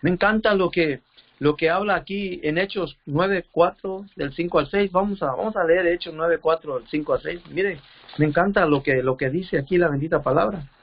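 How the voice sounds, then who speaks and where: A man preaching a sermon with fervor, reading scripture slowly and often repeating words as he searches for them. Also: fairly high pitch, lo-fi sound. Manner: reads scripture slowly, drawn out.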